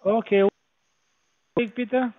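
A man on a phone scam call, talking haltingly with many fillers and broken grammar. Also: very high voice, fairly even intonation. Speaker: phone scammer. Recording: tinny phone line.

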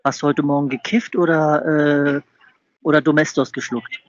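On a phone call, a man pranks scam callers, mocking the person on the line and asking the same question again and again in a confrontational exchange. His voice leans high and steady, at a moderate pace, with no echo.

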